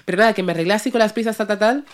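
A woman's voice: mid-range voice, racing. A woman podcast host casually telling a personal story, chatty and slangy, dropping in English words.

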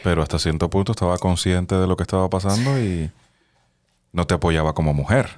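Deep-voiced male interviewer. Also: fairly quick, no echo. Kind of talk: interview questions.

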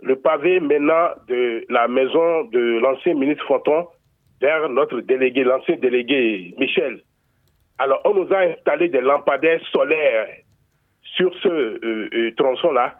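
A man's voice: mid-range voice, unhurried. A man from Benin, phoning a radio show to lay out a neighborhood complaint in a formal, step-by-step way with small hesitations, heard over a telephone line. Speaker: radio call-in listener. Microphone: telephone handset. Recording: narrow tinny phone line.

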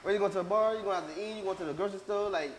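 A man's voice: sits high, rapid-fire, roomy sound. A man from Mississippi with a Southern US accent, chatting casually in slang and repeating phrases for emphasis. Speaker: guest on a talk show. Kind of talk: casual chat.

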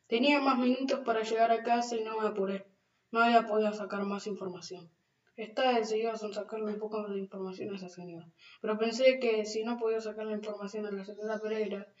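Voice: mid-range voice, dull audio. A storyteller earnestly reading a first-person story aloud at an uneven pace. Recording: roomy, from far off, faint noise.

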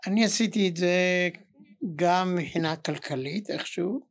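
A middle-aged or older man answers casually as a guest. His voice has a gravelly creak, and he speaks in halting, short fragments. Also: high-pitched. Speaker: guest, father of the host.

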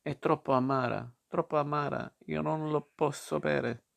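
A man's voice: a little high, fairly even intonation, a little slow, creaky, voice pushed up. A man reading a storybook aloud and voicing a stubborn, whiny wooden puppet boy in a raised voice. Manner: whiny, protesting.

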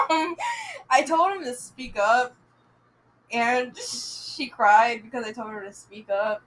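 A young woman with a voice a little higher than most, chatting loosely with friends on a podcast. She laughs easily and trails off into fillers mid-thought. A faint hum of room noise sits behind her. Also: takes it slowly, pauses often, a bit bright, rough recording. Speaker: podcast co-host. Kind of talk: casual chat.

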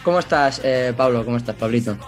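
A man's voice: mid-range voice, quick pace, soft background music. A man hosting a casual podcast over a video call, greeting his co-hosts and teasing them. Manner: jokey, teasing. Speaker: podcast host.

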